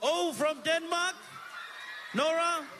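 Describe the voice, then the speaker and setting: A man with a Samoan accent emceeing a live evening stage show, energetic and calling out to the crowd while switching between Samoan and English on a handheld microphone. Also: extremely high pitch, slow pace, noisy background. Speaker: master of ceremonies.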